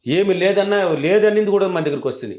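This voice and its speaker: A man working as a relationship coach, giving animated, emphatic advice and repeating his key points. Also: sits high, fast. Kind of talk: advice talk. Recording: roomy echo.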